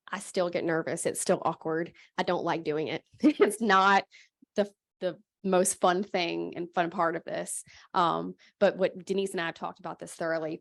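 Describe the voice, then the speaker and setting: Gravelly, even-toned woman giving frank advice. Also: lowish voice. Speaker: panel speaker, senior fundraiser. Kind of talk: informal advice to a group.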